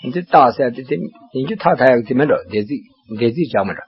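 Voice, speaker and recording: A man's voice: mid-range voice, animated, fast. An older man giving a religious teaching, explaining at length and checking in with rhetorical questions. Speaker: monastic teacher. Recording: dull lo-fi recording with faint background hiss.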